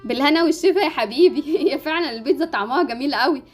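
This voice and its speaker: Woman as devoted, modest Egyptian mum in a game cartoon, brisk speech over faint music. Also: high voice, animated. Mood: loving, delighted. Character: loving, grateful, poor mother. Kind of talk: amateur game-animation story acting.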